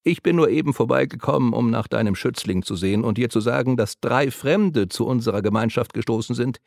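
A shrill, teasing little old woman, as a male narrator puts her on, her voice pushed up high and cackling, with a gravelly edge underneath. It is recorded close and dry. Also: fairly quick, a little mellow, no room sound, natural voice.

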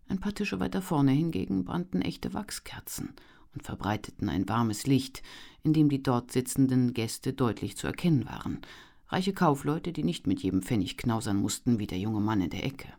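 An expressive audiobook narrator. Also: medium pitch, gravelly. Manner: measured, expressive storytelling.

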